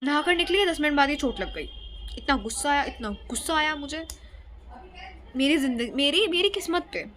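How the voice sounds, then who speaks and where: A woman's voice: high voice, animated, moderate pace, fairly bright tone. A young woman telling a story casually to her phone camera at home, rambling and chatty, dropping English words into her talk. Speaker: vlogger.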